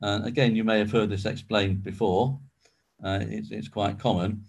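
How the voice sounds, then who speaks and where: A man's voice: fairly low pitch, little pitch movement, moderate pace, creaky, a little mellow, husky. A man leading a Bible study, explaining in a conversational way with frequent ums and restarts. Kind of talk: informal teaching talk.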